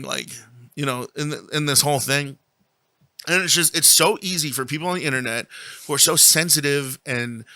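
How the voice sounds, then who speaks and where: A man with a bright, forceful voice in a dry, close recording. He talks like someone ranting to friends, blunt and animated, swearing freely in loose conversation. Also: a little high, no echo. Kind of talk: casual chat.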